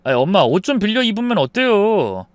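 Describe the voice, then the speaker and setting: A man's voice: high-pitched, very animated, normal speed, smooth, dry recording, pitched above the performer's own voice. A man voicing a dismissive adult son who brushes off his mother, sighing before his lines. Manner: whiny, starts lines with a sighing "ah".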